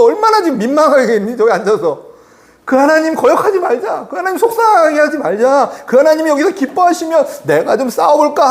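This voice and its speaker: A man preaching in a sermon, voicing a confident biblical leader who loudly and emphatically urges the people not to fear. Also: sits high, close to an everyday voice.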